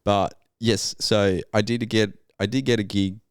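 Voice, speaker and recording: A young Colombian man, a native Spanish speaker, tells his story casually as a podcast guest; he's a geologist, and his interview phrasing is laid-back and slangy in an Australian style. His voice is lowish and smooth, with a steady tone and measured pace. The recording is dry, with clean studio sound.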